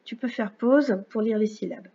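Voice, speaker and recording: A woman teacher giving a recorded phonics lesson, speaking slowly and clearly with patient explanations for a young child. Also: fairly high pitch, warm tone, lo-fi sound. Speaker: first-grade teacher.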